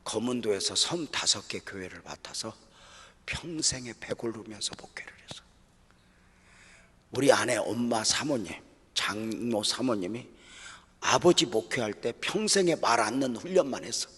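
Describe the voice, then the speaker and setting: Husky middle-aged pastor in a reverberant hall. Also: male voice, fairly low pitch, expressive, moderate pace. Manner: emotional storytelling, drops to a hush then rises loud. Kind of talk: sermon at a pastors' seminar. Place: church hall. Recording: long reverb of a large hall.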